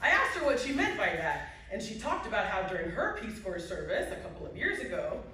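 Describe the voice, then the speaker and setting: Standing at a podium in a large indoor hall before a seated audience, a woman gives an emphatic award acceptance speech, building her points through repetition. Her medium-pitched voice is bright and forceful, fairly quick, with big pitch swings. The podium mic is captured by a phone in the audience, so the hall sounds echoey and far off.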